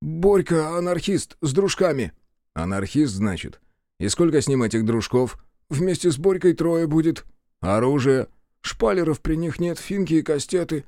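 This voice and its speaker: A man's voice: a little high, lively intonation, moderate pace, mellow, no echo, pitched above the performer's own voice. Man doing a scared skinny boy cop, timid, pleading, dry close sound. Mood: nervous. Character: skinny scared male militiaman of about eighteen.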